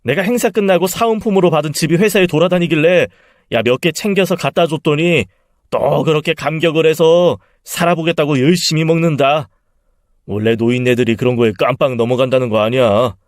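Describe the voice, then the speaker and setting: A scheming, spiteful son-in-law, voiced by a man, talks with open contempt. His voice sits a little high and is recorded dry. He turns defensive and stammering when caught. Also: no room sound, close to an everyday voice. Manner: contemptuous, then flustered and pleading.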